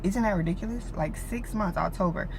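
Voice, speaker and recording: A woman's voice: medium pitch, brisk, gravelly, slight background noise. A woman in her late twenties chatting casually in a vlog, rambling with many fillers like "like" and "you know", three weeks after giving birth. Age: late 20s. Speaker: vlogger.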